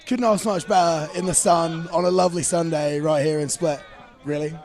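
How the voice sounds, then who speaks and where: A young English man with a fairly high voice, chatting through live sports commentary in an upbeat, slangy way. He's recorded outdoors beside a playing field, talking easily with a co-host. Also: fairly even intonation, normal speed, a little mellow, faint music behind. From England.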